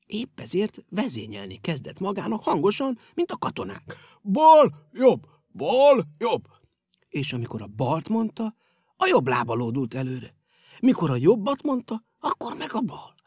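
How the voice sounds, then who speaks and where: Animated male storyteller reading a children's tale. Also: on the high side, slightly rough, dry recording, clean studio sound. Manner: animated and playful. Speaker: audiobook narrator.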